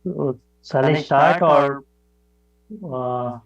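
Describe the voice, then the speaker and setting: A man's voice: mid-range voice, extremely slow. A man from India, speaking as a remote conference presenter over a video call, hesitant with many fillers, his volume rising and dropping as the connection breaks up. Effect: patchy call audio with uneven, dropping volume. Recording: muffled video-call audio.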